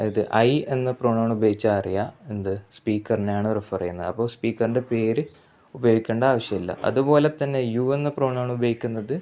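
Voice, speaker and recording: A man with a Malayali accent teaching an English grammar lesson, explaining patiently, repeating points and correcting himself, and reading example sentences very slowly. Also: mid-range voice, a little mellow. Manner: slow, repetitive explaining with self-corrections.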